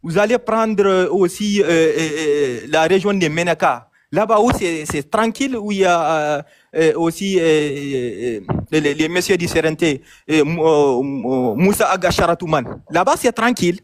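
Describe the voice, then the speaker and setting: A man's voice: fairly high pitch, measured pace, hardly any pauses. A man from Mali calling in, talking insistently with many hesitations and repetitions. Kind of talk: casual chat, phone-in debate.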